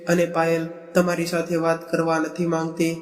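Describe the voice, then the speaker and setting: A man voicing a worried mother who stands by her grown daughter in a read-aloud storybook, in a plain, even manner. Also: on the high side, normal speed, echoey room, long reverb tail, close to an everyday voice. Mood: firm.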